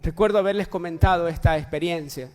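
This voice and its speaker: High-voiced pastor preaching in a reverberant church. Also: male voice, fast. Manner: emphatic, with repeated phrases and rhetorical questions. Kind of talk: sermon. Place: church sanctuary. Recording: long church-hall reverb.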